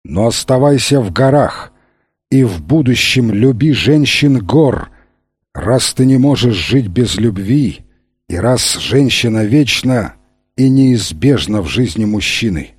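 A man reading aloud, voicing a blind old bandit judge who speaks softly and gravely, with slow, measured phrasing. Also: mid-range voice, lively intonation, dry recording. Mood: solemn.

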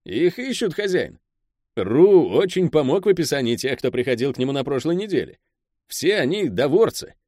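A man's voice: fairly high pitch, sing-song, normal speed, warm tone, dry recording, studio quality, voice pushed up. A man voicing an eager, deferential male henchman who keeps calling his boss master, in a raised voice. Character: Pel, wary fawning male henchman.

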